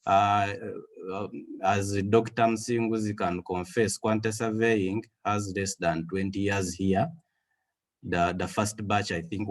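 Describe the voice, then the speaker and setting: This guest speaker's voice sits low: a man in his thirties from Western Uganda with a Ugandan English accent. He presents a webinar in a measured way via video call, with frequent fillers.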